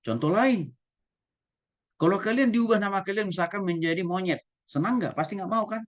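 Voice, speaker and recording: A man's voice: high voice, moderate pace, dull audio. A male pastor giving a teaching sermon, asking his listeners questions and acting out examples. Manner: lively, asks listeners questions, acts out examples.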